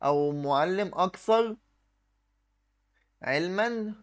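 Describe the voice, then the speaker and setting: A man's voice: high-pitched, lively intonation, slow. A man with an Egyptian accent teaching an exam review lesson, explaining step by step and answering his own questions while he writes on the screen. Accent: Egyptian Arabic. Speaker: Arabic teacher.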